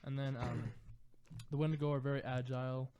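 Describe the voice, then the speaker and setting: Young man, podcast co-host, rambling, filler-heavy, mellow dark tone. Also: medium pitch, little pitch movement, fairly quick, smooth, muffled recording. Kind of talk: casual chat.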